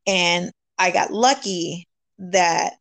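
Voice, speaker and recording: A woman's voice: fairly low pitch, extremely slow, gravelly, a bit bright, dry recording. A woman from California talking as a guest, earnest and upbeat, mixing English and Spanish and laughing often. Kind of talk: casual bilingual interview chat.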